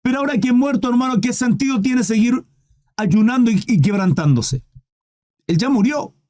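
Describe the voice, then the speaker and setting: A man's voice: extremely high pitch, lively intonation, normal speed, dark tone. A man preaching a sermon with fervent, questioning delivery, often calling listeners "brother".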